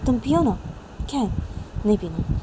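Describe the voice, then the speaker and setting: A woman voicing a quiet young woman who gives short, reluctant replies, with traffic noise behind. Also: on the high side, big pitch swings, normal speed, voice pushed up.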